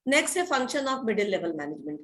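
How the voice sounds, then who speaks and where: A woman's voice: a little high, big pitch swings, a little slow, a bit bright. Woman teacher, firm and chatty. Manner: explains firmly, keeps checking in with the class. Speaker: college teacher. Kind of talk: online class lecture.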